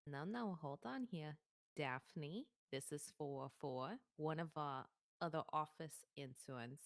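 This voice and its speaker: A woman voicing a calm, unflappable female office coworker with a mildly condescending manner in a tabletop role-play. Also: deep voice, takes it slowly, no room sound, studio quality.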